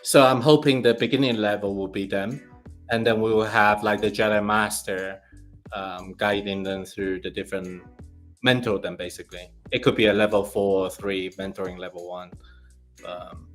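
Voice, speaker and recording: A man's voice: on the low side, steady tone, moderate pace, a bit bright, faint music behind. A man co-hosting a casual crypto chat who hesitates, repeats himself and laughs easily. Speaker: co-host.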